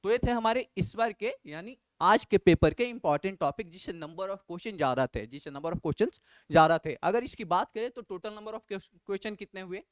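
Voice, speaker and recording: A man's voice: high-pitched, expressive, normal speed, smooth, no echo. A man teaching physics, going through an exam analysis and repeating his key advice with emphasis.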